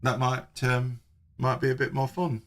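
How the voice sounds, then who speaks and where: Slow, easygoing man. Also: medium pitch. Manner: relaxed, hesitant, many ums. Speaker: streamer. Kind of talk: casual live-stream chat.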